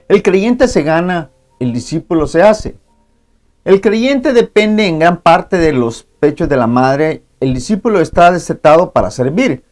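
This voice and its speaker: A man's voice: a little high, a little mellow. A man preaching a sermon as pastor, reading scripture aloud and often adding amén and ¿verdad? as he addresses his congregation as brothers. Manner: frequent interjected amén and ¿verdad?. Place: church.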